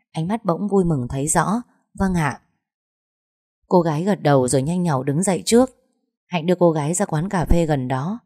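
A woman reading a story aloud in a steady, measured narration. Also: low-pitched, no room sound, clean studio sound. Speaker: audiobook narrator.

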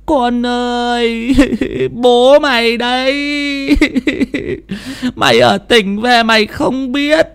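A man's voice: very high-pitched, fairly even intonation, drawn-out words, creaky, fairly bright tone, clear, resonant tone, pitched above the performer's own voice, full character voice. A man voicing a grieving village widow who wails and sobs in a lament. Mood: eerie. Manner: sobbing, wailing lament. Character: grieving village widow, wailing, half-possessed.

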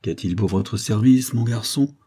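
A man voicing a guarded, patronizing middle-aged farmer who speaks slowly, in an audiobook. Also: fairly low pitch, lively intonation, warm tone, breathy edge. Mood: wary. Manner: patronizing, slow.

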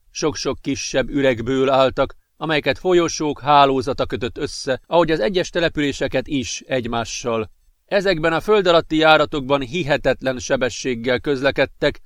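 A man reading an audiobook as narrator in a steady, measured voice. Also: medium pitch, dry recording, studio quality. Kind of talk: scripted narration.

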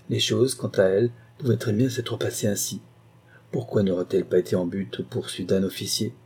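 A man reading a novel aloud as audiobook narrator, in an even, unhurried way. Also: fairly low pitch, breathy edge.

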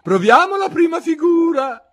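A man reading aloud and voicing a weepy, melancholy male Mock Turtle in a drawn-out, singsong way. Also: very animated, a bit bright, full character voice. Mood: excited shouting. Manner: high, wailing and singsong, drawn out.

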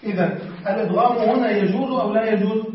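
A man's voice: high-pitched, fast. A male teacher giving a classroom grammar lesson, patiently quizzing his students and repeating their answers. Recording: echoey room, distant dull mic.

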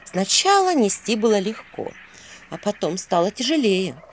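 Expressive woman narrating a fairy tale. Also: mid-range voice, moderate pace, a little hiss or hum. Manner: expressive storytelling. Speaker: audiobook narrator.

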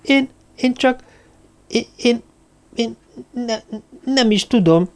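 A man's voice: on the high side, lively intonation, gravelly, darkish tone, voice pushed up. Man putting on a timid young woman. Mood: frightened. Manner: timid, stammering. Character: young frightened woman assistant, tearful.

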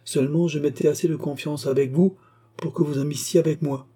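A man's voice: mid-range voice, moderate pace, mellow, breathy edge, natural voice. A man reading an audiobook voices a proud, wounded queen who speaks with bitterness and reproach. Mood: bitter.

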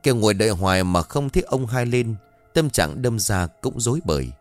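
A man, narrating a story in a dramatic, expressive way. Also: fairly low pitch, brisk, no echo, soft background music.

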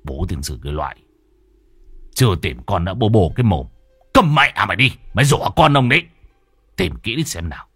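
A man voicing a short-tempered village father who scolds roughly in a lowered voice. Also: big pitch swings, moderate pace, dry recording, full character voice. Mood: scolding.

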